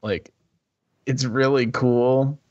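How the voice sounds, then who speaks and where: A man's voice: medium pitch, fairly even intonation, takes it slowly, a little mellow. A man co-hosting a podcast in casual chat, on a slightly muffled, lo-fi voice track. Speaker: podcast co-host.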